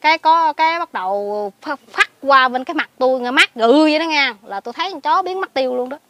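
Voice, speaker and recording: A woman with a Southern Vietnamese Mekong Delta accent, a lay Buddhist recluse, tells a story casually outdoors in a garden. Her voice is high and a little fast with no echo, and she swings between hushed asides and excited outbursts.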